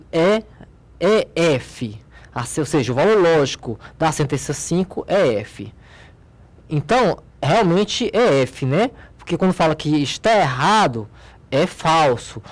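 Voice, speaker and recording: A man with a Brazilian accent teaching logic, patiently explaining an exercise at a board and checking in often with short questions to his students. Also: fairly high pitch. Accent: Brazilian Portuguese. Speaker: math teacher.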